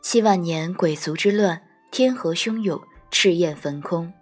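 A woman narrating a first-person fantasy audiobook, gentle and wry. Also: fairly low pitch, a little slow, faint music behind. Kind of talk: scripted storytelling narration.

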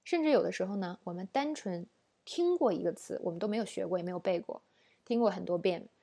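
Mellow-voiced woman teaching English pronunciation. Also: medium pitch, animated, quick pace, gravelly. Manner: explanatory, uses many fillers and rhetorical questions. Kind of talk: online lesson lecture.

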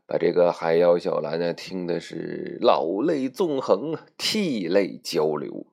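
A man's voice: low-pitched, animated, a little slow, creaky, a little mellow. Folksy storyteller man. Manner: chatty, playful, folksy asides. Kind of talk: comic storytelling.

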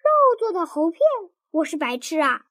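Woman doing a cheeky young husband in a story read aloud, high bouncy voice, barely changed from her own. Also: big pitch swings, moderate pace, pushed and bright, no echo, clean studio sound, exaggerated voice. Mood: teasing. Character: teasing young husband, blunt, playful.

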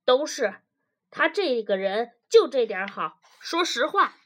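A woman voicing a stubborn, defensive working-class husband in a storybook reading, talking loud and blunt with folksy turns of phrase. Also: high voice, very animated, measured pace, heavily acted. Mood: blustering.

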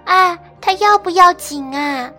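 Squeaky high little pterosaur boy, a lady doing him, stutters and rushes, bright tone, soft music behind. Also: exaggerated voice. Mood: worried. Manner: stammering, eager.

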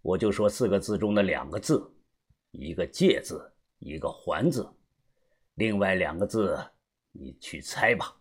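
A man voicing an older, calm, secretive uncle who speaks low, hushed and measured, as an audiobook character. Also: slightly rough, heavily acted.

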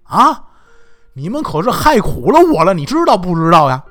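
A man's voice: high voice, very animated, brisk, soft background music. A male storyteller voicing a distraught, indignant man who scolds the people who cut him down from a noose. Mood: exasperated. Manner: scolding, rambling, exasperated. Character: distraught man at a hanging tree, indignant and long-winded.

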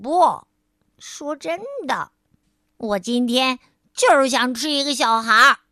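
A woman's voice: a little high, lively intonation, measured pace, pushed and bright, no echo, studio quality. A woman voicing a stubborn little boy crocodile who whines and insists. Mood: insistent. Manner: whiny, insistent.

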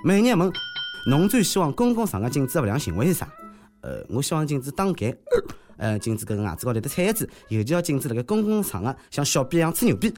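A man's voice: fairly high pitch, very animated, quick pace, darkish tone, faint music behind. A man with a Shanghai accent hosting a podcast, giving humorous news commentary in a joking, teasing manner. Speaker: host of a comedy news podcast.

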